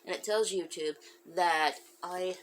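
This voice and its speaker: A woman's voice: fairly low pitch, a little slow, a little hiss or hum, poor audio. A woman hosting a crafting podcast, chatting casually with lots of fillers, and sounding a bit congested. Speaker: podcast host. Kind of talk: casual chat.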